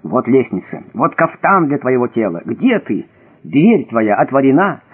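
A man's voice: medium pitch, big pitch swings, measured pace, husky. A man voicing a distraught eldest brother, crying out and pleading in anguished bursts. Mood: despairing. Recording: thin phone-like audio.

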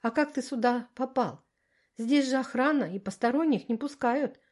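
A woman's voice: high-pitched, moderate pace, a little mellow, pitched above the performer's own voice. A woman reading the lines of a shy, self-conscious teenage schoolgirl in a storybook, in her own voice.

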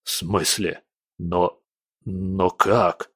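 A weary, disgusted general with a deep, grim and contemptuous delivery, played by a man in an audiobook. The voice sits low and the sound is dry. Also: level tone, very slow, bright, forceful tone, slightly rough, no echo, full character voice. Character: weary, disgusted middle-aged male general.

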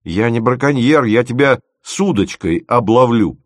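A man's voice: mid-range voice, expressive, normal speed, no echo, pitched above the performer's own voice, lightly acted. A man voicing an earnest, eager young male student intern.

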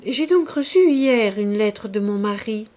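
A woman's voice: medium pitch, animated, unhurried, darkish tone, natural voice. A woman reading an audiobook, voicing a proud young society woman who mocks and teases her suitor. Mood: cool. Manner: teasing, scornful.

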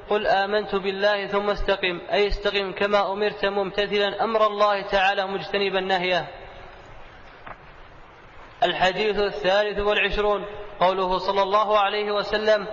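Male student reader, formal steady recitation; dull lo-fi sound with a long hall echo. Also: sits high. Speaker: student reading the text aloud. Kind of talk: reading a classical text aloud. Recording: echoey hall, dull lo-fi audio.

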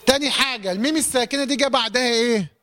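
A man's voice: very high voice, very fast, bright, forceful tone. A man with an Egyptian accent teaching Quran recitation rules, asking questions and answering them himself. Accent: Egyptian Arabic. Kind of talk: tajweed lesson.

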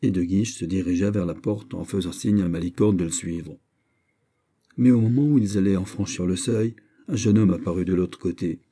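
A man reads a classic novel aloud in a steady, unhurried way. His voice is low and soft-edged with a husky grain, and the tone is very dark and mellow. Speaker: audiobook narrator. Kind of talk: audiobook reading of a classic novel.

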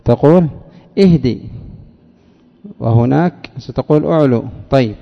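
Gravelly man quizzing a class. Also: mid-range voice, unhurried. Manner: quizzes students by name, drills rules with questions. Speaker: teacher of Arabic morphology. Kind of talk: classroom lesson with students. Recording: echoey hall, dull lo-fi sound.

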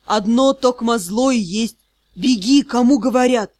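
A woman's voice: fairly high pitch, unhurried, darkish tone, natural voice. A woman voicing a fretful, folksy old male house spirit who speaks in rustic old-fashioned words and sighs and grumbles. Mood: grumbling. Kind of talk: audiobook character voice.

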